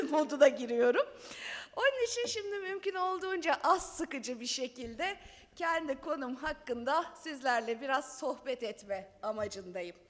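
Lady professor talking into a lectern mic, high pitched, casual and chatty, big echoey conference hall. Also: fairly bright tone. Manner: chatty and conversational, with light laughter. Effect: speaking at a lectern microphone. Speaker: conference speaker, law professor. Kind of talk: conference talk. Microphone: lectern microphone. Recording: long hall reverb.

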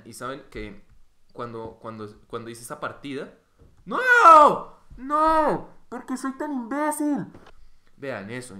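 Young Colombian man, gameplay commentator; sharp bright voice, roomy mic, jumpy and profane. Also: medium pitch. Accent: Colombian Spanish. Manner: excitable, swears, bursts into yelps. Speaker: gaming youtuber. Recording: bright roomy home mic with faint noise.

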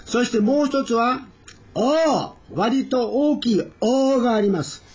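A man teaching Korean pronunciation in a recorded lesson, slowly drawing out each vowel sound as he demonstrates it. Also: very high voice, darkish tone, slightly rough. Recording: dull lo-fi recording.

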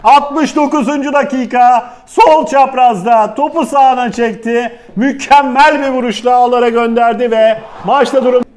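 A man giving excited football commentary in a studio, often repeating his exclamations over and over. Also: very high voice, moderate pace, hardly any pauses. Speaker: football commentator on a club fan channel.

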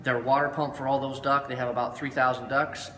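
A man's voice: medium pitch, level tone, fairly quick, sharp tone, big-room sound, a little hiss or hum. A man in his thirties, a solar installer, plainly walking through an off-grid battery and inverter system, with some fillers. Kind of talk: equipment walkthrough. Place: metal-walled pole barn.

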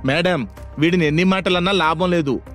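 A man voicing a mocking young male college student who taunts his rival loudly. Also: high voice, moderate pace, soft background music. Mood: taunting. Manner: taunting, loud.

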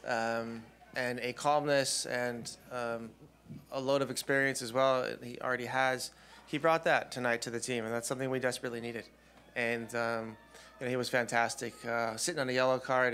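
A man in his forties, head coach at a postgame press conference, answering at a desk mic in a press room with measured, thoughtful replies and frequent ums. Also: medium pitch, a bit bright. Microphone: desk mic on stand.

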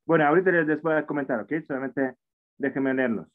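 In a fast, somewhat high voice, a man in his forties leads an online English class in foreign-accented Spanish, not his native language. He is encouraging and patient and tends to repeat himself. Seated at a computer indoors, he's picked up by a video-call mic with tinny, phone-like sound.

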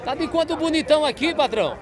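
A fast-talking market reporter with a very high, animated voice moves through a bustling outdoor livestock fair. In this walking vlog he interviews sellers and repeats prices for viewers as the crowd chatters and animals call nearby.

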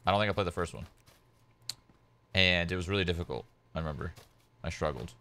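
A young man whose first language is Polish chats casually while streaming a game at home, laid-back and rambling with plenty of "like" fillers. His voice is low, quick, and sharp-toned, with slight background noise.

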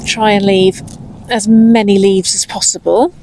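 A woman's voice: medium pitch, little pitch movement, measured pace, noisy background. A woman in her fifties with an English accent, chatting casually to camera on a lapel mic while pruning in her garden, a little anxious. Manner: chatty, slightly anxious, talks while working. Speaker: vlogger. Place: outdoor cottage garden.

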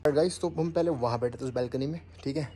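A man's voice: medium pitch, fast, dark tone. A man narrating his travel vlog casually, chatting to viewers as guys and mixing in English. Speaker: travel vlogger. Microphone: action camera. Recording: noisy action-camera audio with vehicle sounds.

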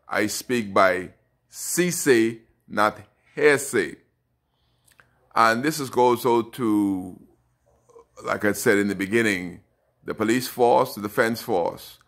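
An older Bahamian man in his late fifties, a local elected official, records a direct-to-camera social media message in a bright indoor room. Holding the phone close in selfie framing, he speaks slowly and deliberately, indignant and emphatic. His voice is fairly low and fairly bright.

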